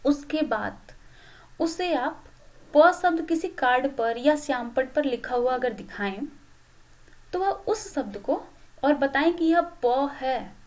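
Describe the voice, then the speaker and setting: A woman lecturing teacher trainees, explaining step by step with frequent "ठीक" check-ins and filler pauses. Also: sits high, darkish tone. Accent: Hindi. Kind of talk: classroom lecture.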